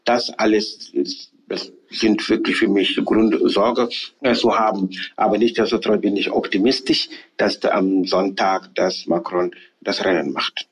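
A man from Senegal, a parliamentarian answering interview questions in a halting way full of hesitations and restarts. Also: lowish voice, fairly even intonation, slightly rough, low-quality recording. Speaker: member of parliament interviewed as guest. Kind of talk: political interview.

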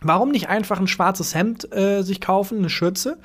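A man in his thirties with a high voice, co-hosting a relaxed podcast. He jokes and riffs on what his co-host says. He slips into playful acted voices along the way. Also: moderate pace. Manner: jokey, acts out playful voices to riff on stories. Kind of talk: casual chat.

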